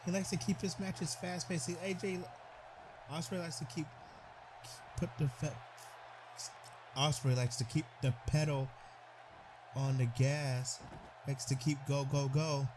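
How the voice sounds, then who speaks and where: A high-pitched man calls a video game match like a ringside commentator. He gets excited, trips over his words and shouts advice at the wrestlers. A steady hiss and game sounds sit under the voice. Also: a little slow, pauses often.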